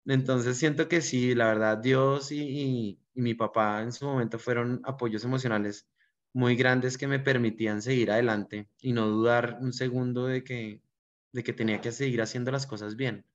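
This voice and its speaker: Speaking with a Colombian accent, a restaurateur tells earnest, reflective stories about his life while answering an interviewer. His voice is medium in pitch, steady, and moderately paced, and the recording sounds dull and low-fidelity.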